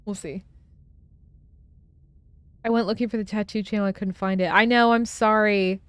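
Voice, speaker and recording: A woman's voice: mid-range voice, steady tone, moderate pace, smooth, dry recording. A young woman streaming from home and chatting casually on a close desk mic, rambling with lots of fillers and frequent laughs. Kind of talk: casual chat while gaming.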